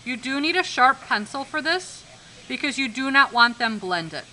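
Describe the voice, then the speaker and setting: A woman's voice: high voice, lively intonation, moderate pace, bright, forceful tone, a little hiss or hum. A woman art teacher giving a live demonstration lesson in a classroom, instructive, repeating key points and checking that students follow.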